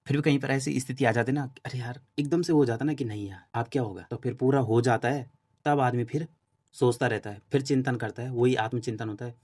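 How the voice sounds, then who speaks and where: A spiritual talk host with a medium-pitched, darkish voice gives an informal, earnest explanation. He's casual and repetitive, with many fillers and restarts, and admits he's still learning.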